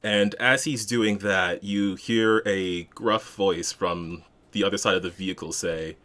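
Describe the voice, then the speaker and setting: Male game master with a lowish voice, improvising descriptive narration, somewhat hesitant. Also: steady tone, unhurried, fairly bright tone.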